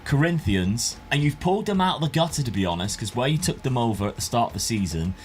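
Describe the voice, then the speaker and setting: He talks fast in a medium pitch with lively intonation, narrating from a script and chatting loosely as he plays a football management game for his video. A faint hiss or hum sits under the recording.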